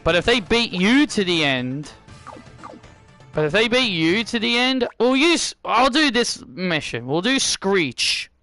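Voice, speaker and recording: A man's voice: high-pitched, sing-song, unhurried, pushed and bright, no echo, soft background music. A man giving casual video game commentary, often repeating and rephrasing his own phrases. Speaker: gameplay commentator.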